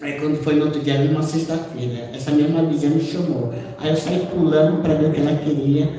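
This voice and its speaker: A woman missionary shares her testimony at church in a mellow, easygoing voice, slipping into the voices of the people in her story. She sounds far from the microphone, and a long reverb fills the hall around her. A faint background noise runs underneath. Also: sits low, steady tone, a little fast. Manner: conversational storytelling, often tags sentences with "né?"; acts out quoted dialogue within her story.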